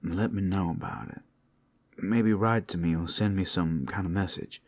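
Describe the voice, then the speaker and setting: This deep male voice belongs to a protective werewolf lover working at a brothel, a tender and devoted character in an intimate ASMR roleplay. Delivery is halting and heartfelt, laced with soft endearments and the occasional teasing aside.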